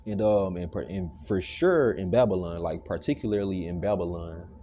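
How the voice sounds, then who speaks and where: A man's voice: deep voice, moderate pace, dark tone. Rambling man, dull lo-fi recording. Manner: loose, rambling, many fillers. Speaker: teacher giving a scripture lesson. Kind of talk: casual recorded scripture lesson. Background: freezer motor hum.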